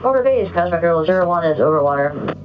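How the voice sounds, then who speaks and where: A man's voice: fairly high pitch, expressive, quick pace. A man on the aircraft crew giving clipped radio procedure calls over a helmet radio link. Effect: helmet radio transmission. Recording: muffled radio link with music behind.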